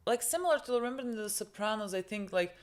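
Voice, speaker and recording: Talking fast with lively intonation, this young Serbian-native co-host chats casually during a TV reaction, her mid-range voice full of fillers and restarts.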